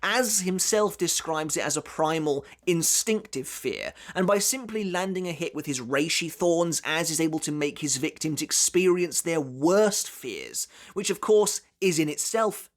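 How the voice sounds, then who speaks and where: A countdown narrator with a widely swinging, mid-pitched voice. The delivery of this scripted top ten commentary is dramatic and emphatic, leaning on key words. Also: expressive, a little slow, few pauses. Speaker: narrator of a ranked countdown video.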